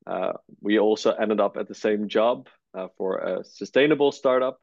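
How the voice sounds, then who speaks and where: This relaxed interview features a startup co-founder from the Netherlands, a young man in his 20s with a fairly low, slightly mellow voice, vocal fry and a normal pace. He's easygoing and fills pauses with "uh," and the dry recording sounds dull.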